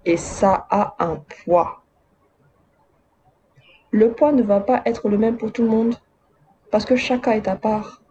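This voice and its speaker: A woman from Madagascar, raised in Côte d'Ivoire and France, works as a video essayist and gives her viewers casual commentary full of chatty, wry, slangy asides. Her mid-range voice is mellow and moves slowly with long pauses. The lo-fi recording carries a little hiss or hum.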